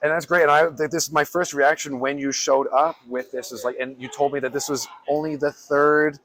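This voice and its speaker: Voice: mid-range voice, steady tone, moderate pace, a bit bright, a little hiss or hum. An enthusiastic, rambling interviewer hosting a casual on-site chat at a fan convention, often repeating words. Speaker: interviewer, YouTube host.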